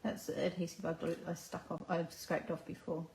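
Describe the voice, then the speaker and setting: Creaky Australian woman demoing crafts. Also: lowish voice, level tone, a little fast, darkish tone. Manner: chatty, talks herself through each step. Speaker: craft demonstrator. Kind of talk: live card-making demonstration. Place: at her crafting table. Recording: echoey room, faint background noise.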